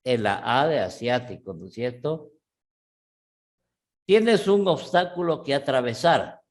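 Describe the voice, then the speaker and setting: A man's voice: mid-range voice, expressive, takes it slowly. A male teacher explaining grammar in a class, patiently checking in with listeners and often correcting himself mid-sentence. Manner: restarts and self-corrects often. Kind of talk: online language class.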